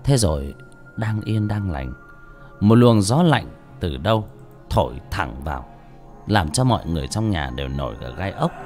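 A man's voice: deep voice, very animated, normal speed, over music. A man narrating a ghost story in a dramatic, suspenseful way. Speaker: audiobook narrator.

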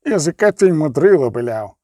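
A man voicing furious, brutish young knights who snarl and shout insults in an audiobook. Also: fairly high pitch, big pitch swings, fairly quick, dry recording, clean studio sound.

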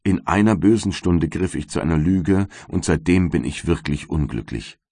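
Storybook: weeping condemned young maid, imploring and devout, as a male reader puts her on, deep voice. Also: normal speed, mellow, dry recording, studio quality. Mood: despairing. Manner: tearful, imploring.

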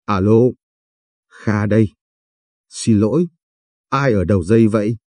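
A man's voice: fairly low pitch, a little slow, darkish tone, no room sound, clean studio sound. Man reading as an eager, fretful young man. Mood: anxious, eager. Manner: earnest, worried and protective.

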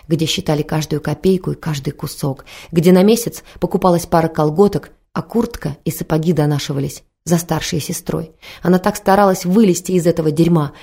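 A woman reads a storybook in a calm, measured way. Her voice sits low and sounds warm and mellow. The delivery is steady, scripted audiobook narration. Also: vocal fry, husky.

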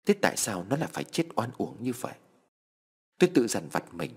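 Husky-voiced male horror narrator. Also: fairly low pitch, very animated, fairly quick. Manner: dramatic, tense storytelling. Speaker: audiobook narrator. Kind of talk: first-person horror story narration.

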